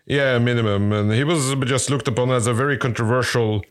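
A man with a Norwegian accent, English not his first language, chatting casually as a podcast co-host and often pausing to search for words. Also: mid-range voice, steady tone. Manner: hesitant, searching for English words, many fillers. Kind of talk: casual chat.

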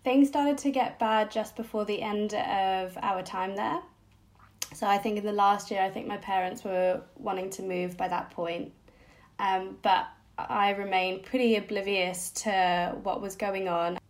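A woman's voice: mid-range voice, fairly even intonation, unhurried. A woman, a podcast guest recalling her childhood in a reflective, hesitant way with many fillers. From Singapore-born, raised abroad. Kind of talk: personal storytelling interview.

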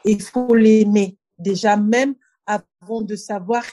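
A Cameroonian-born woman who recites her own poem in a steady rhythm, then talks earnestly and reflectively, often pausing to find her words. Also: medium pitch. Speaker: poet and guest. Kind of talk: poetry reading then conversation.

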